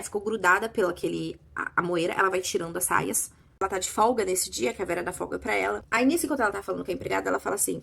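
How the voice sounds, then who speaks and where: A Brazilian Portuguese-accented woman tears through a book's plot in a casual review. Her voice is husky and full of gravelly fry. She talks at a dizzying pace and bursts out excitedly as she retells the story. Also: mid-range voice. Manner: breathless, excited retelling with outbursts. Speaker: book reviewer. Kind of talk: casual spoiler-filled book review.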